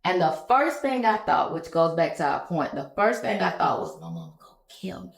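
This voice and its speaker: A woman in her thirties, a business owner telling stories in a relaxed, conversational interview chat. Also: fairly low pitch, moderate pace, creaky. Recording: echoey room.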